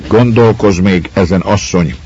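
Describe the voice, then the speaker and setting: A man voicing a stern, angry old landowner who shouts commands at his daughter-in-law, on a slightly muffled recording. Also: low voice, a little hiss or hum, natural voice. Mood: pleading, stern. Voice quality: gruff.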